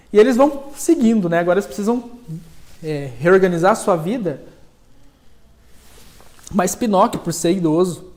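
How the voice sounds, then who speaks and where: A man, a psychologist, retelling a story in a live class, speaking the characters' lines in a livelier, higher voice. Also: a little mellow. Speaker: psychologist and lecturer. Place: cold room in a lecture setting.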